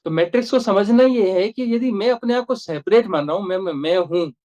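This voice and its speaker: A man's voice: sits high, fairly quick, warm tone. A man, giving a reflective spiritual discourse as a teacher and repeating phrases for emphasis.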